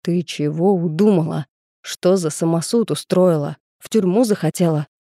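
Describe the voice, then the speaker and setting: A woman reading the lines of a tough, gruff man who gives short, clipped orders in an audiobook. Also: lowish voice, normal speed, mellow, no echo, clean studio sound. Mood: curt commanding.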